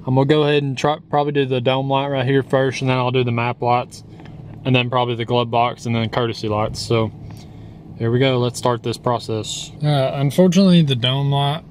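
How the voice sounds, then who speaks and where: A young man hosting a casual car vlog, talking in a relaxed, rambling way with many fillers while working inside a parked car. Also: mid-range voice, slight background noise. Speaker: car vlogger.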